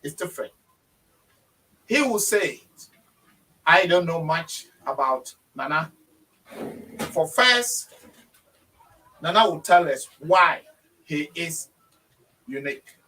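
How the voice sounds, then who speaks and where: A man's voice: a little high, animated, slow, long pauses, bright, forceful tone, far from the mic, low-quality recording. A man hosting a conversational interview, speaking emphatically and repeating his phrases. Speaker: talk show host.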